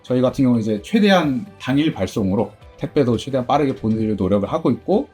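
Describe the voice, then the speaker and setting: Middle-aged man, shop owner, chatty interview, dark husky voice, lively pitch. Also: fast, faint music behind. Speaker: game store owner. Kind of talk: casual interview answers.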